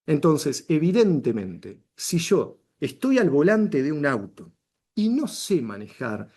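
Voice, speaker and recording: Middle-aged Rioplatense man, public speaking coach, lively swooping delivery, slightly high voice, emphatic questions. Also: takes it slowly, slightly rough. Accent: Rioplatense Spanish. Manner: emphatic, animated teacher with rhetorical questions. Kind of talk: workshop lesson to camera. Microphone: camera he controls with arm signals.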